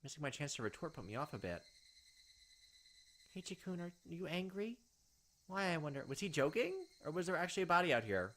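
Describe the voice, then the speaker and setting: A let's play host reads a visual novel aloud, tossing in offhand casual asides. The mid-range voice is very animated and very fast with few pauses, fairly bright, and carries a little hiss or hum.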